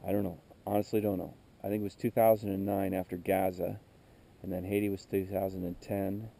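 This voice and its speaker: A man's voice: low-pitched, level tone, a little fast, creaky, mellow. A middle-aged man on a motorcycle trip, talking candidly and wearily to his camera outdoors by a rural road, often stopping to correct himself. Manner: candid, weary, circling back to correct himself. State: emotionally worn out. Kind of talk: rambling roadside monologue to camera. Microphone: camera mic.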